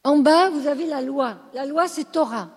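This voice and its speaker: A woman's voice: high voice, moderate pace, in a large hall. A woman teaching a class, explaining at length and often checking whether her listeners follow. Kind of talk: classroom lecture.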